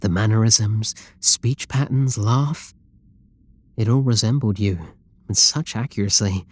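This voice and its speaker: A man with a British accent speaks a little slowly in a lowish voice, with no room sound. In an intimate roleplay audio drama he plays an obsessive, possessive, lovestruck game developer, doting and controlling, fervent and confiding, offering pleading endearments.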